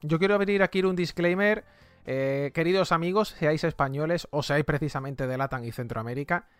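Andalusian guy chatting about games, bit high voice, dry mic, faint music under. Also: fairly quick, clean tone, dry recording. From Andalusia, Spain. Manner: animated, chatty, laughs often. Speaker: podcast co-host. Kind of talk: casual gaming chat.

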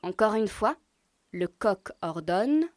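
A woman telling a children's tale in a lively, expressive way. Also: medium pitch, slow, background noise. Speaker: storyteller. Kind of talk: scripted narration for children. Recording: narration over music.

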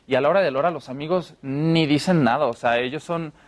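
A man with a Mexican accent, an actor chatting as a guest and telling stories in a loose, relaxed way with restarts. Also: a little high, fast. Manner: relaxed storytelling, fillers and restarts. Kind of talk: casual interview chat.

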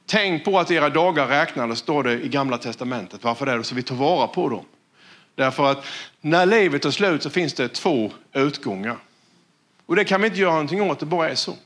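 A man preaching a sermon as a pastor, earnest, often dropping to a hushed tone for emphasis and repeating words as he restarts. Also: on the high side, animated.

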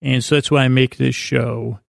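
A man hosting a sleep podcast in a creaky, gravelly voice, meandering through a bedtime monologue with halting pauses and false starts. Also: medium pitch, steady tone, no room sound, studio quality.

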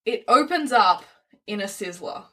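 A woman's voice: medium pitch, expressive, unhurried, fairly bright tone, slightly rough. A woman co-hosting a casual comedic chat, trading teasing, dry banter. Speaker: co-host.

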